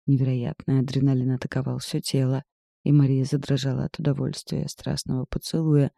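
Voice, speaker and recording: A man narrating a romance novel audiobook in a steady, measured reading. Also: medium pitch, vocal fry, no room sound, clean studio sound.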